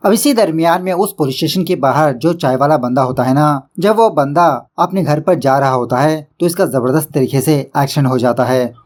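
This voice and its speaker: A man's voice: on the high side, moderate pace, hardly any pauses, a little mellow. A man narrating a movie recap in a dramatic, conversational storytelling manner.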